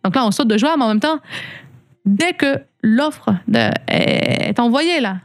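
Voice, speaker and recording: A woman with a Canadian French accent, toned toward Congolese French, talks as a guest on a radio show. Her voice sits a little high, and she speaks conversationally, with many fillers and repeated words. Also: lively intonation, measured pace. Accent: Canadian French, adapted to Congolese French. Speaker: guest, platform founder. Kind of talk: radio interview.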